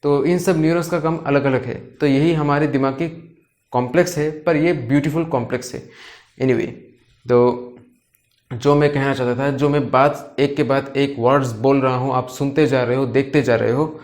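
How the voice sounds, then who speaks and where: A man's voice: mid-range voice, fairly even intonation, moderate pace, a little mellow. A man giving a casual, conversational anatomy lesson from home, often checking in with the listener and acting out little example lines. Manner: acts out short example lines to illustrate. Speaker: medical educator. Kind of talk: casual explanatory lecture. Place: home, rain and a barking dog audible outside.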